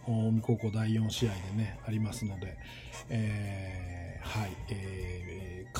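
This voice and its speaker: 40s guy from west tokyo, kansai-tinged speech, dark relaxed tone, rambly casual monologue to nursery teachers. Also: lowish voice. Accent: standard Japanese with a Kansai tinge. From western Tokyo. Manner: rambling, thinking aloud with many pauses.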